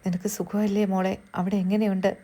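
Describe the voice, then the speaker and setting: A woman voicing a dying elderly father who speaks softly and with resignation. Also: mid-range voice, little pitch movement, fairly quick, close to an everyday voice. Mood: resigned. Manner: soft, pleading, resigned.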